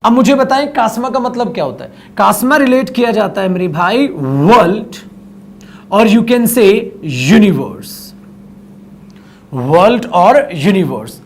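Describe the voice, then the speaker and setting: A male teacher giving an online vocabulary lesson, coaxing students to read along, repeating words and slowing down for English phrases. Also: high voice, expressive, a little hiss or hum. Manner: slows right down when speaking English phrases.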